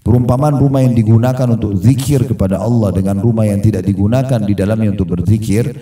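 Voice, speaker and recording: A man preaching to a congregation, explaining slowly, repeating phrases and reciting Arabic verses. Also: on the low side, mellow. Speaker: Islamic preacher. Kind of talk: religious lecture to a congregation. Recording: echoey room, voice from a distance.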